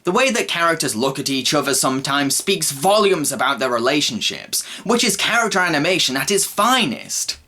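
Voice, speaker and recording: A man's voice: fairly high pitch, sing-song, a little fast, hardly any pauses, sharp tone. A man narrating a scripted film review. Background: faint background music.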